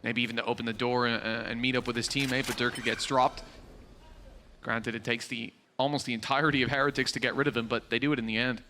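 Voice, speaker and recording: A man's voice: mid-range voice, level tone, fast talker, pushed and bright, slight background noise. A man working as an esports caster, commentating a live match with play-by-play and analysis.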